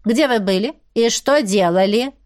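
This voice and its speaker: A woman's voice: a little high, measured pace, darkish tone, lightly acted. A woman voicing a stern, suspicious older man who questions people in an accusing, official tone.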